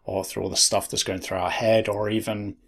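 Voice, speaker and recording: A man's voice: lowish voice, flat delivery, fairly quick, creaky. A man in casual conversation, explaining sleep struggles in a thoughtful way with rhetorical questions.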